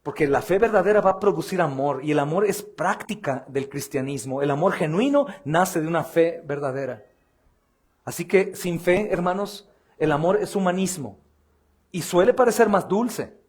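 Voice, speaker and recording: A man with a Mexican Spanish accent preaching a sermon as pastor, fervent and emphatic, dropping to low intense asides and calling his listeners brothers. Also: moderate pace, a little mellow, slightly rough. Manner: addresses listeners often as brothers.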